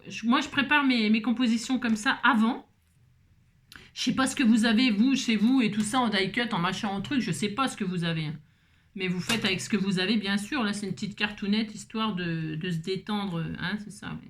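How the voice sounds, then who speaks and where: A woman's voice: medium pitch, a bit bright. A woman hosting a craft tutorial, chatting casually and humming little tunes as she works. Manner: chatty, hums and sings little tunes while working.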